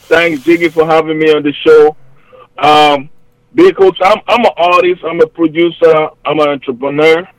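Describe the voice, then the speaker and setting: A man with a Cameroonian accent and a slightly high, fairly even voice comes through a dry, low-quality recording. He is a hip-hop artist on an interview show, chatting casually over a remote line in quick, upbeat, rambling phrases packed with fillers.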